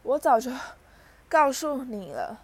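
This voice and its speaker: A woman's voice: medium pitch, expressive, brisk. A woman voicing a clever, bossy schoolgirl who scolds her friends. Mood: breathless.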